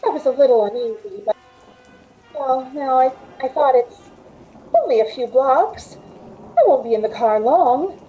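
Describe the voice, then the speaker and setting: Playing a nervous young waitress in a 1940s-style radio drama, a middle-aged actress tells her frightening story with unease, earnest and pleading, unhurried and pausing often. Her high voice is lively in intonation, and the dull audio comes from a home-room video call with faint noise.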